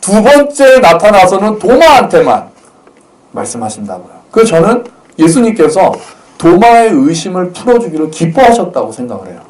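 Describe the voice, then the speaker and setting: A man preaching in a relaxed storytelling style, his somewhat high voice rising and falling in a very animated way. He talks to the congregation like a friend, slipping into the voices of the people in the story and adding touches of gentle humor. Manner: storytelling, acts out quotes, lightly humorous. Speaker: pastor. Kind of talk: conversational sermon.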